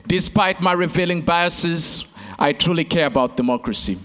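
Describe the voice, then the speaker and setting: A man's voice: on the high side, moderate pace, fairly bright tone. A man from Uganda, giving a rhetorical keynote speech on a conference stage, with repeated phrases and direct appeals to the crowd. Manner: repetitive oratory, addresses crowd as friends. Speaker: keynote speaker and competition host. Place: large conference hall stage. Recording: long reverb of a large hall.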